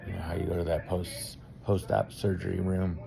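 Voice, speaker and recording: Man, 50s, deep gravelly voice, nervous self-mocking rambling, phone video diary, background crowd noise. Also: level tone, normal speed. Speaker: vlogger. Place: car, then hospital room.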